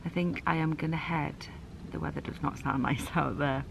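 A woman in her thirties talking to a handheld camera from inside her car and out on a windy coast, chatty and excitable about the weather. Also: deep voice, moderate pace, vocal fry. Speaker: travel vlogger. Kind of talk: casual vlog narration. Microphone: phone or camera held at arm's length.

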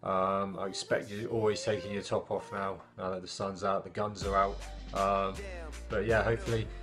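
A man in his thirties giving a quick, hesitant phone message full of ums. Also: low voice. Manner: flat, hesitant with many ums. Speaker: friend sending a wedding message. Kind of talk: quick selfie video message. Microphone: phone camera. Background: music.

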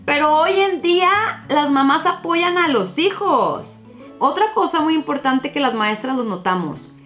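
A woman's voice: high voice, measured pace, soft background music. A young adult woman, a former teacher giving parents advice in a casual vlog, telling stories and acting out the dialogue. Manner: animated storytelling, acting out dialogue with children.

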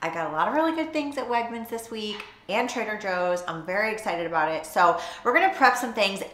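A woman talks through her meal prep in a chatty, upbeat way, thinking aloud about what she is doing. Her voice sits at an ordinary middle pitch. It bounces around a roomy, echoey kitchen with a faint hum of ambience behind it. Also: lively intonation, brisk, fairly bright tone. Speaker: vlogger. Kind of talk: casual meal-prep chat. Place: home kitchen.

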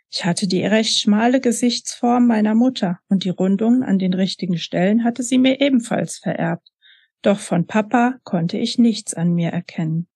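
A woman author reading her own first-person novel aloud in a soft, emotional way. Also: medium pitch, husky, no echo, clean studio sound.

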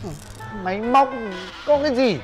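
Brief: man as a loud, bragging young laborer, high voice. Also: expressive, normal speed, faint music behind. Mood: boastful. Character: boastful broke male laborer, young adult.

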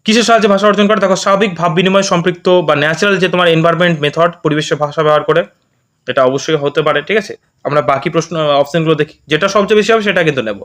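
A male tutor walks through exam questions step by step, often pausing to ask if it's clear. His voice sits high and his words come quickly. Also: fairly bright tone. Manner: explains step by step with frequent checks like "okay?". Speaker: teacher. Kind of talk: exam prep lesson.

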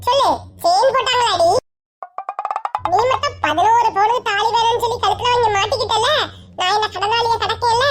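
Bossy, taunting young husband with a Kanyakumari Tamil accent, voiced by a woman, high and quick. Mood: arguing. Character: hot-tempered young husband.

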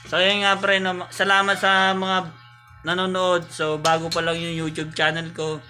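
A man's voice: sits high, completely flat delivery, unhurried, sharp tone, faint music behind. A young man hosting a casual vlog, bantering and laughing with friends. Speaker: vlogger host.

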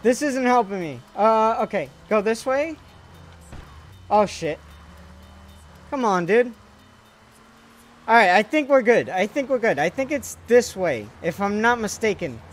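A man giving let's play commentary, excitable and panicky, swearing a lot as he plays. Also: high voice, measured pace, long pauses. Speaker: gaming video host.

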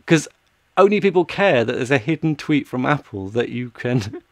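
Speaking at a moderate pace into a close microphone, this thirtysomething man serves as a panellist on a relaxed tech podcast recorded in a small shelved room at home. His mid-range voice has lively intonation, and there's no room sound.

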